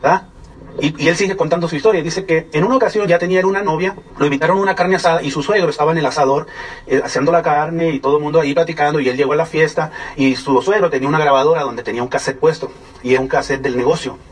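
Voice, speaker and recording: A man's voice: fairly high pitch, very fast, slightly rough. A man with a Mexican accent telling a story to an audience in a conversational way and often asking them questions. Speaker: speaker giving a testimony. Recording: voice from far off the mic.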